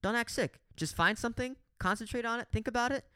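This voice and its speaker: A young podcast co-host tells an animated story in casual chat, swearing a lot and acting out his own quotes. His very high voice moves fast and smooth, captured in clean studio sound with no echo.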